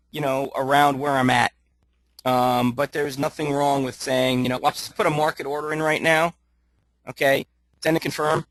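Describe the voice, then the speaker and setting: A man coaching live trades on his screen, thinking aloud with lots of fillers and restarts, a little hoarse as his voice starts to go. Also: on the high side, fairly bright tone, dry recording. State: losing his voice. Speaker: trading coach. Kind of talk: live screen-share trading tutorial.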